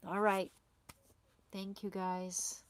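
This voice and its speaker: Speaking extremely slowly in a flat, medium-pitched voice, a woman runs a casual live stream, answering viewer comments via a small clip-on wireless mic. Her tone is clear and resonant, though her sore throat has her voice beginning to give out, and she frequently stops to restart and repeat words.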